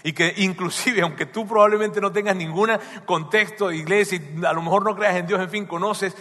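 A man preaching a sermon in a conversational way, repeating key phrases and sometimes dropping to a soft hush. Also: high voice, steady tone, a little fast, long reverb tail. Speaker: pastor.

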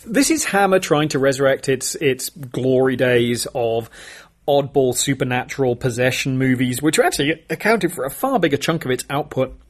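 A man co-hosting a relaxed film podcast, his opinions tumbling out in long, rambling sentences. He laughs easily and talks quickly, often circling back mid-thought. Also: mid-range voice. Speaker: podcast co-host. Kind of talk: casual chat, film review.

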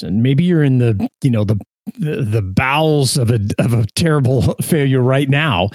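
A man's voice: mid-range voice, a little mellow, no room sound, studio quality. A man co-hosting a podcast in a casual conversational way, often restarting and repeating words. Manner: halting, repeats words mid-sentence. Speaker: podcast co-host.

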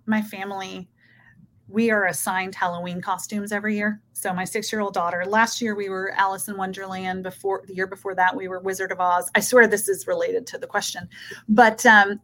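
A Peruvian woman in her thirties, appearing as an interview guest, speaks earnestly in casual conversation and keeps checking in with "right?". Her mid-range voice holds a level tone at normal speed, sounding bright and forceful, with a little hiss or hum on the recording.

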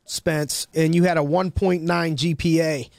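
Hyped podcast host, dry sound. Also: male voice, fairly high pitch, steady tone, unhurried, gravelly, no echo. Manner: hyped, rambling, many restarts and slang. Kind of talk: casual interview chat.

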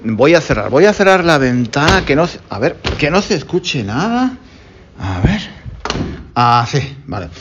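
A man's voice: a little high, big pitch swings, unhurried, dull audio, background noise. A man from Spain with a Spain Spanish accent, a Spanish teacher hosting a casual podcast lesson at home, chatty and repeating his phrases. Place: home room with windows.

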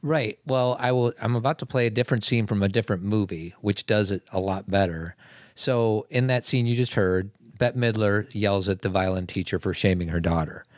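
A man hosting a casual movie chat in a relaxed way, leading the talk. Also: lowish voice, normal speed, no room sound. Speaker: podcast host.

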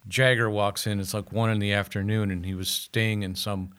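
An older man with a lowish voice spins loose, casual anecdotes as a guest musician. He jumps between narration and quick imitations of the people in his stories, keeping the tone conversational. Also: clean tone. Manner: lively storyteller who slips into voices of people in his stories.

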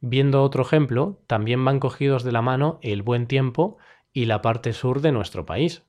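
Spanish guy from spain explaining expressions on his podcast, calm clear voice, bit of humor. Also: mid-range voice. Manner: clear, measured, lightly humorous delivery. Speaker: podcast host, Spanish teacher. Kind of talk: scripted explanatory podcast lesson.

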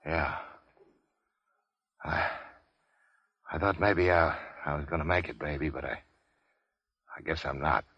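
A man's voice: sits low, normal speed, dry recording. An actor playing a wounded big-shot racketeer, wry and world-weary, with clipped slangy tough-guy talk in a vintage radio crime drama. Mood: weak, tender. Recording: dull vintage radio recording.

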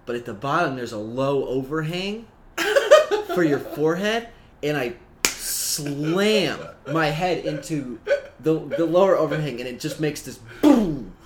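A man telling a story in casual chat, animated and laughing often. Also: fairly high pitch, a little slow, a crowd in the background.

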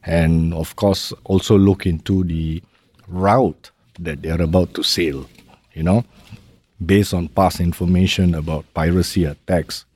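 Middle-aged man from Malaysia, very low voice, dry close sound; interview guest who talks in a steady, measured way and checks in with the listener. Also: breathy edge, no echo. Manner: measured, uses fillers like "how you say" and "right?". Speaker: guest, maritime safety executive. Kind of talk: conversational interview.

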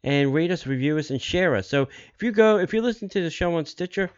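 Smooth-voiced male podcast host, casual. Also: on the high side, lively intonation, fast, highs cut off.

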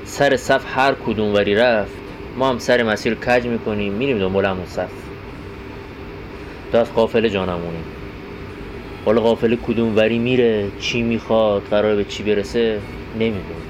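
Man with a lowish voice, calm and reflective, clear background noise and hum. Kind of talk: casual reflective talk.

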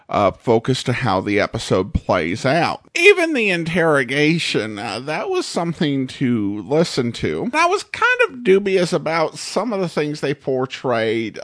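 An American man hosting a podcast with conversational, somewhat halting commentary on radio shows. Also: on the high side, dry recording, clean studio sound. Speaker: podcast host.

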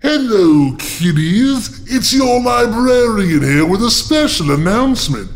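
A man's voice: sits high, sing-song, faint music behind, exaggerated voice. A man voicing a creepy, theatrical librarian host who relishes every word and teases listeners as kiddies. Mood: sinister glee. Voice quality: drawn-out, relishing delivery with mock-menacing laughter. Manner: teasingly addresses listeners as kiddies. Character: creepy theatrical male librarian, gleeful and sinister. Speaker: show host character.

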